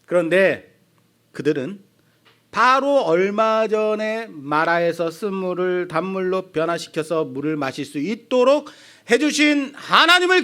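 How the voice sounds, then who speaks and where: A middle-aged male pastor with a Seoul accent delivers an expository sermon. He talks in a high voice that swings widely in pitch. He keeps putting questions to the congregation and acts out the voices of the people he quotes. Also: fairly bright tone. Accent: Seoul Korean. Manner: asks the congregation questions and answers them.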